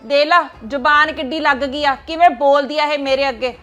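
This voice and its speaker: Woman acting as older grandmother in a family drama, high voice, scolding, nagging, faint music behind. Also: fairly quick, a bit bright, lo-fi sound. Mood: angry scolding. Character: sharp-tongued scolding grandmother, nagging mother-in-law.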